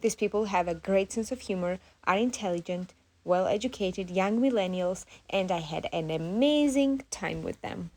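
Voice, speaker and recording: A woman's voice: mid-range voice, normal speed, darkish tone. A young woman travel vlogger, chatty and self-amused, narrating a mountain hike and chatting with people she meets. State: out of breath at times. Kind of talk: vlog narration and chat while hiking. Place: mountain trail outdoors and guest house.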